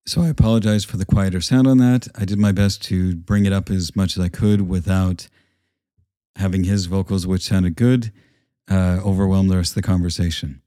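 Male podcast host, low register, conversational interview delivery, close dry sound. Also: fairly even intonation, moderate pace, mellow, no echo.

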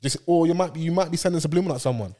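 Fast-talking London roadman-style man. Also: fairly high pitch, mellow. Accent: London, urban street style. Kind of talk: casual podcast banter with street slang.

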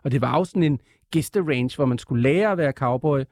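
A man, a TV presenter, chatting as a guest in an interview, animated and full of stammering restarts. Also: mid-range voice, no echo, studio quality. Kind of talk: casual interview chat.

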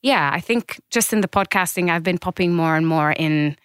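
A woman's voice: on the low side, moderate pace, a bit bright, smooth, no room sound, studio quality. A woman from Jordan guesting on a podcast, chatting casually and enthusiastically with a giggly manner. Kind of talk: casual chat.

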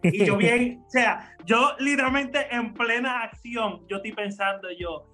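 A man with a high voice tells a story among friends on a podcast. He talks in a loose, casual way, laughs a lot and slips English words into his talk. Faint music plays underneath. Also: a little slow. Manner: lively, laughs often, mixes in English words. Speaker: podcast co-host.

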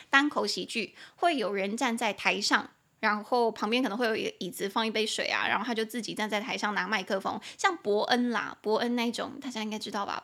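A woman's voice: fairly high pitch, bright, forceful tone. Chatty Taiwanese woman teaching English words. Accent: Taiwanese Mandarin. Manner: spells words out slowly, chatty asides, laughs at own jokes. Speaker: podcast host teaching English. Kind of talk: casual podcast lesson.

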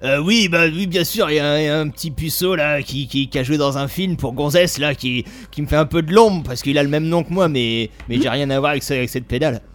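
A man's voice: on the high side, fast, few pauses, fairly bright tone, natural voice. Man playing a bigoted middle-aged ex-con. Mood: gruff. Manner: hesitant, with put-on accent. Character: bigoted 45-year-old American man, ex-convict. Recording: faint music behind.

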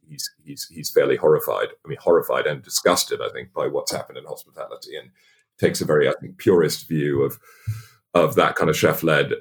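A middle-aged man from England in casual podcast chat, talking haltingly with many restarts and fillers. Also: very deep voice, slightly rough.

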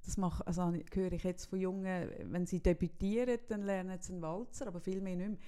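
Brief: young Swiss woman, podcast host, animated casual storyteller. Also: on the low side, fairly quick, smooth. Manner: animated, quotes others in lively back-and-forth.

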